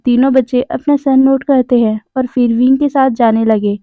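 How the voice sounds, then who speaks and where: A woman narrates a story briskly in a high voice. The recording is close and dry, with a slightly dull sound. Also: steady tone, dry recording. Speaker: fanfiction narrator.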